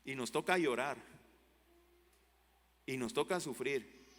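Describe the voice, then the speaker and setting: A male pastor preaching a sermon, with fervent rises to loud exclamations and drops to low, quiet lines. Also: slow. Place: church hall. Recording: long church hall reverb.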